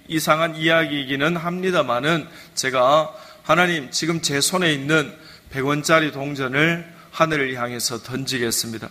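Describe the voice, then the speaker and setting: A man's voice: fairly high pitch, bright, forceful tone. A man voicing a frustrated young man who stubbornly defies God, inside a sermon. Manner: stubborn, defiant declarations. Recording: reverberant church hall.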